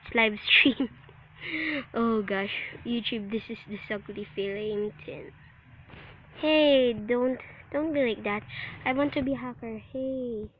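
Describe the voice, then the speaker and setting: A woman's voice: a little high, slow pace, fairly bright tone. A woman who sounds under the weather, giving casual commentary as host of a gaming video. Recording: noisy home recording with clicks.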